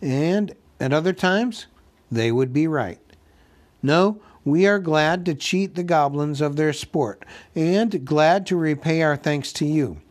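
Man playing a proud, wary eagle lord; formal, slow and stern. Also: a little high. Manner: formal, measured speech.

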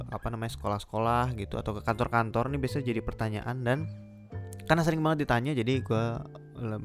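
A young man hosting a solo podcast in a relaxed, chatty way, with lots of casual filler phrases. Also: mid-range voice. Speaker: podcast host.

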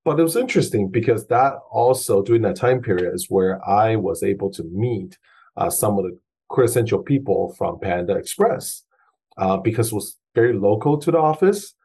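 Low gravelly man with a husky voice. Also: lively intonation, normal speed, warm tone. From Taiwan. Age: 40s. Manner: hesitant, many fillers and restarts. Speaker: guest chef. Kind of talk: casual interview.

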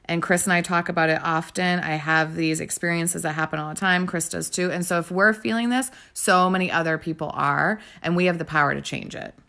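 A woman's voice: on the low side, steady tone, fairly quick, vocal fry, hardly any pauses, pushed and bright. A woman co-hosting a podcast, chatting casually as a bubbly, giggly, rambling storyteller. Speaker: podcast co-host. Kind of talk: casual chat.

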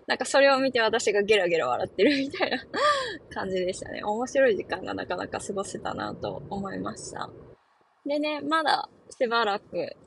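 A woman's voice: mid-range voice, very animated, brisk, gravelly, fairly bright tone, a little hiss or hum, poor audio. A young woman hosting a casual solo talk show, chatting and laughing with many fillers. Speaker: podcast host.

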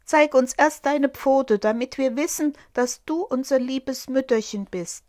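Woman doing high little goat kids. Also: measured pace. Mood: wary insistent. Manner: high, bright childlike chorus voice. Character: seven little goat kids, young and frightened.

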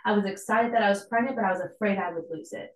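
A woman's voice: mid-range voice, fast talker. A woman, giving a conversational, earnest devotional teaching with casual asides. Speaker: podcast host and church planter. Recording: echoey room.

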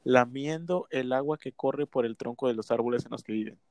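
A man's voice: medium pitch, a little fast, a little mellow, no echo. A young man with a Mexican Spanish accent, co-hosting a casual podcast, joking and teasing and laughing often. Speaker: podcast co-host.

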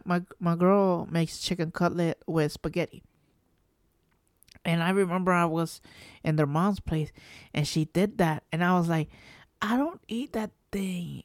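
A woman's voice: medium pitch, dry recording. Casting note: young adult woman, podcast host, loose rambling delivery, mid-range voice, close dry recording. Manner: rambling, with frequent restarts and filler words. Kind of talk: casual storytelling monologue.

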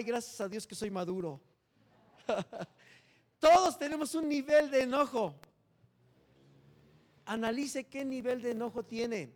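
A man preaching a sermon as pastor, animated and joking, swinging between loud and hushed. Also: extremely high pitch.

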